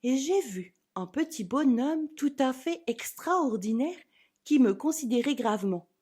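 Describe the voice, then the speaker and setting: A woman narrating a storybook as a theatrical, dramatic reading, with emphatic phrasing and a husky voice. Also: high voice, animated, measured pace, a little mellow.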